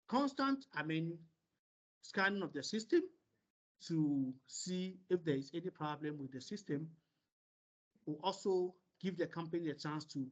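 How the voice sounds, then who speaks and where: A man moderating an online seminar over a video call, relaying questions and explaining in a halting way with many pauses. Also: a little high. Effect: heard over a video call. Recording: dull lo-fi meeting audio.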